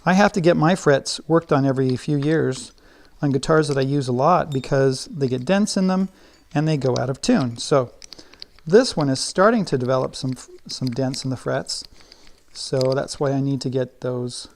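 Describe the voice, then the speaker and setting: A middle-aged man teaching guitar in a relaxed, chatty way, thinking aloud as he works. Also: medium pitch, normal speed, vocal fry. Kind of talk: casual how-to lesson while working.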